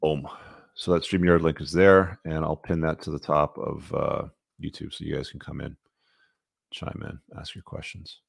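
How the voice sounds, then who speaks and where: A man's voice: very deep voice, steady tone, moderate pace, gravelly. A man hosting a livestream, chatting casually and giving opinionated, informal commentary to his viewers. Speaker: livestream host.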